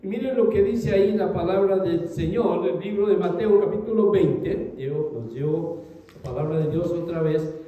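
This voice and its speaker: A man preaching a sermon to his congregation, reading scripture aloud and swinging between raised calls and low, trailing phrases. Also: moderate pace, distant mic, narrow, tinny audio. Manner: addresses congregation as brothers, reads scripture aloud. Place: large echoey hall. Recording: very echoey hall, long reverb.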